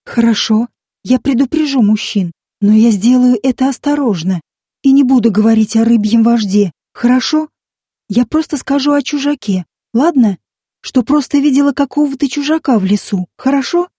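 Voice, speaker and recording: A woman's voice: a little high, moderate pace, breathy edge, dry recording, studio quality. A woman voicing a carefree young aunt who teases the boy, then turns stern and scolding. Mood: cautious. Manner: teasing, then sharp and scolding.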